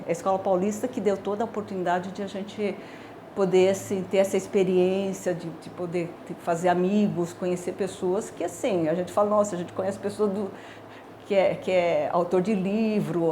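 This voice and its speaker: Dark-voiced Brazilian woman in her sixties. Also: mid-range voice, slight background noise. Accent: Brazilian Portuguese. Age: 60s. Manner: reflective, hesitant, many filler words. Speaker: dermatology professor. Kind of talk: personal career testimony.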